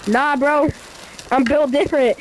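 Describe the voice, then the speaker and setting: A woman's voice: high-pitched, steady tone, measured pace, slight background noise. A woman playing a VR game, joking and boasting in casual banter with a friend. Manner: teasing, boastful trash talk. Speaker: VR game player.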